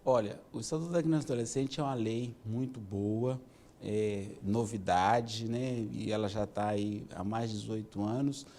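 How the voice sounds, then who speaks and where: A man, a police chief answering interview questions in a measured, explanatory way, often adding "né". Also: lowish voice, steady tone, warm tone, slight background noise. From Minas Gerais, Brazil. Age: 50s. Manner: measured, explanatory, with many "né" tags.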